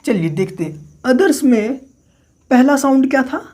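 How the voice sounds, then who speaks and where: A man's voice: extremely high pitch, expressive, a little mellow. Man teaching, quizzing and repeating terms. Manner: asks the class questions, then answers them himself; repeats key terms slowly for dictation. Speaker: literature teacher. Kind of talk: classroom-style lecture.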